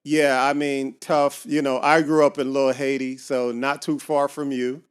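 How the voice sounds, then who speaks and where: Speaking from his home garage, a Miami podcast host interviews a guest casually over video call, stumbling through many fillers and restarts. His voice is medium-pitched, level, clear and resonant, at normal speed.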